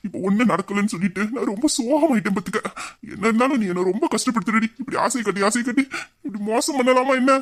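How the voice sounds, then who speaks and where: A playful young husband , as a man acts him out in an audio drama, teasing his wife in a fairly high voice. He plays up a mock-sad, smug manner. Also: fast, a bit bright. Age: young adult.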